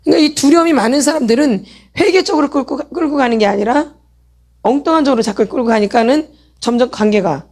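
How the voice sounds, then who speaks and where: A middle-aged woman speaks fast in a high, slightly mellow voice. She is leading a church healing meeting, giving a sermon lecture in which she repeatedly questions the audience and supplies the answers herself.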